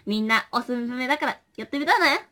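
A young woman hosting a casual livestream in a very high, bright voice. She talks playfully to her viewers and reacts to them with animated exclamations. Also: brisk. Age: young adult. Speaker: livestream host. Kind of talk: casual chat with viewers during a makeup stream. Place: small indoor room.

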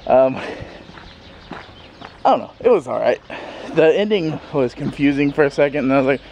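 A vlogger in his thirties talks loosely to a handheld camera held at arm's length in a sunny backyard, chuckling and using lots of fillers. His medium-pitched voice is expressive and slightly mellow at a normal speed, captured in lo-fi sound with faint outdoor background noise.

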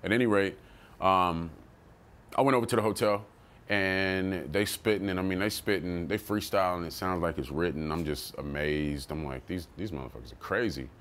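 Male rapper, low voice, casual and animated storyteller, quotes people in bursts, swears freely. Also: normal speed. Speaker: rapper telling his story.

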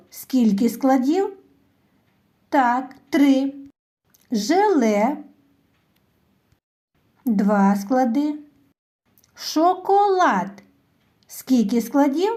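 Female teacher for small kids: high, lively, unhurried, encouraging. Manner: slow, sing-song, encouraging teacher voice. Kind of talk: lesson for young children.

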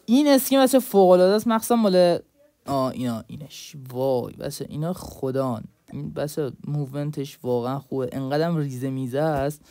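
A man's voice: on the high side, vocal fry, mellow, dry recording. Chatty young male gamer, dry sound. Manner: chatty, slangy, addresses viewers directly. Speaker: mobile game content creator. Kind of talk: casual gaming commentary.

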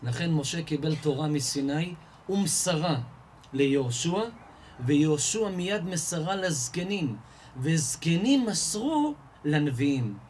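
A rabbi preaches to a live audience in a voice pitched a little above the usual male range, rising and pushing louder as his stories build. He keeps up a running stream of questions that he answers himself. Faint background noise sits under his voice. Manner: animated storyteller, asks and answers his own questions, rises in pitch and volume. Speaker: rabbi giving a Torah lesson. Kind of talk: lively sermon with stories and rhetorical questions. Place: live event hall before an audience.

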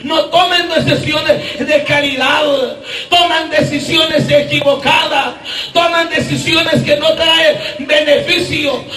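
A man from Guatemala preaching a fervent sermon, shouting often and calling out questions to the congregation. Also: extremely high pitch, steady tone, slow pace, slight background noise. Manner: fervent, shouting and asking the crowd for replies. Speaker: evangelist preacher. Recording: echoey room from far off.

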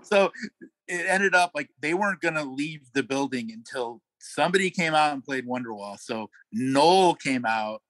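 A man's voice: medium pitch, normal speed, no echo, rough recording. Dry-voiced middle-aged male musician storyteller. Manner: animated anecdotes with frequent laughs and fillers. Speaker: guest musician. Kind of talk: casual storytelling interview.

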